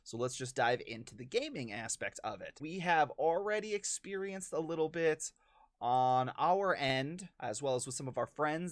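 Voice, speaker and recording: A man's voice: a little high, no room sound. Chatty man with dry sound. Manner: chatty, opinionated, conversational asides. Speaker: gaming news host. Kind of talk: casual gaming news update.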